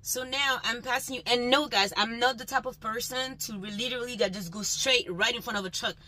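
A woman's voice: fairly high pitch, fairly quick, pushed and bright, rough recording. A woman delivery van driver venting in an exasperated, emphatic rant while driving, with road noise behind her. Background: road and engine noise.

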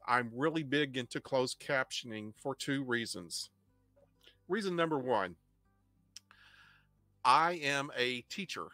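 A middle-aged man with an Ozark Missouri twang hosts an informal online history class. His pitch is average for a man. He explains in a halting way, often repeating and rephrasing, close to the microphone in a dry room. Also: bright, forceful tone, no room sound. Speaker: host, history teacher. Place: indoor home studio. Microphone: desk microphone up close, headset on.

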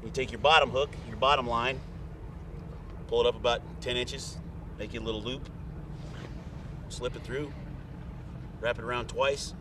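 A middle-aged fishing guide with a mid-range, steady voice walks through tying a fishing rig step by step in a plain, folksy way, at a moderate pace with frequent pauses. He's on a boat on a lake, picked up by a camera mic a few feet off, so the audio sounds distant and outdoor, with faint boat noise.

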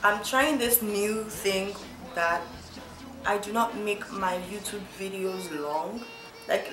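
A young woman talks through her eyeshadow in a loose, giggly vlog manner, often poking fun at herself. Her voice sits at an ordinary middle pitch for a woman. The room gives it a noticeable echo, and soft music plays faintly underneath. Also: slow. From Nigeria. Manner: chatty, giggly, self-teasing. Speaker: beauty vlogger. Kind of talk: makeup tutorial vlog.

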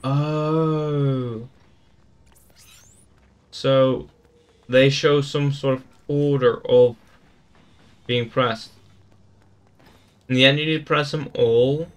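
Slow easygoing man narrating gameplay. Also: mid-range voice, steady tone, smooth. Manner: thinking aloud, easygoing. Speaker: gaming YouTuber. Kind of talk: casual gameplay commentary.

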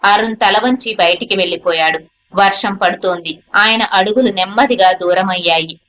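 A woman narrating an emotional first-person story in a soft, measured way. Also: medium pitch, low-quality recording.

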